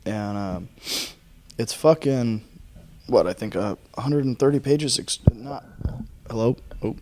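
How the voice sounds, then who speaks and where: A man's voice: medium pitch, lively intonation, measured pace, a little mellow. A young man hosting a casual fireside book chat, tired and rambling, swearing freely with sighs and yawns. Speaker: podcast host.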